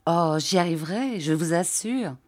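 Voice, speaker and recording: A woman's voice: lowish voice, expressive, moderate pace, darkish tone. A woman reading an audiobook, voicing an ironic young woman who speaks with feigned innocence and pointed, raised questions.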